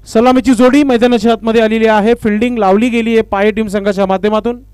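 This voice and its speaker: A man doing live commentary and formal stage announcements at a local cricket tournament, with honorific phrases and filler pauses. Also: sits high, steady tone, a little mellow, clear, resonant tone, no room sound.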